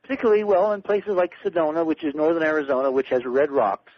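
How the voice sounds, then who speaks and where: A middle-aged man, a guest on a late-night radio show, telling stories excitedly and repeating words as he gets going. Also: a little high, fast, a little hiss or hum. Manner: excited storyteller, repeats words when starting. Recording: dull lo-fi radio broadcast.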